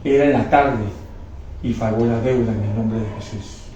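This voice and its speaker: A man's voice: mid-range voice, steady tone, moderate pace, mellow, dull audio. A man preaching to his congregation as a prophet, telling stories and often checking in with the crowd. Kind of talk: sermon with testimony. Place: church hall with a live congregation. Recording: very echoey hall, faint background hiss.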